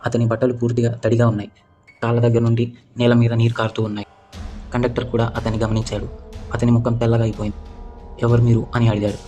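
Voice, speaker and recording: A man narrating a first-person horror story in an even, steady way. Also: mid-range voice, fast talker. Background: faint background music.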